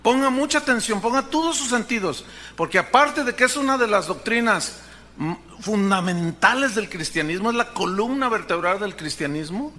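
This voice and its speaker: Bright high-voiced preacher man. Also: animated, normal speed. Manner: emphatic, rhetorical questions to the congregation. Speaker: pastor. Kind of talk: sermon.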